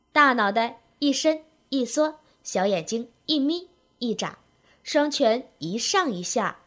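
A woman telling a humorous story aloud, with wry, lively narration and rhythmic phrasing. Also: fairly high pitch. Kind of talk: spoken comic storytelling.

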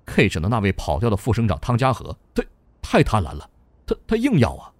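A man's voice: on the low side, wildly swooping pitch, normal speed, darkish tone, no echo, pitched below the performer's own voice. A man voicing a frightened male company boss who stammers and pleads with a tearful tone. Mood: pleading. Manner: stammering, near tears.

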